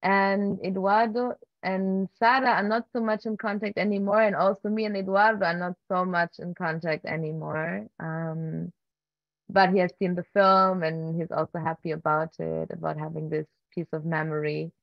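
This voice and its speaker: She speaks at normal speed with a fairly low pitch, little pitch movement and vocal fry, and there's no room sound. Over a muffled laptop webcam call from a home room with wooden beams, this filmmaker and keynote guest gives conversational Q&A answers, hesitant and full of fillers, restarts and soft laughs.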